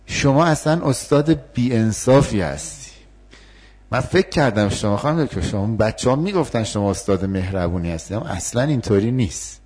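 A man's voice: lowish voice, expressive, darkish tone, breathy edge. A man playing a young university student who begs for a grade and then turns accusing. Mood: indignant. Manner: begging, then accusing and indignant.

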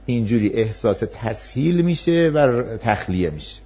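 A man's voice: mid-range voice, sing-song, mellow, slightly rough. A man giving an explanatory talk to an audience on parenting and empathy, acting out parent and child voices in his examples.

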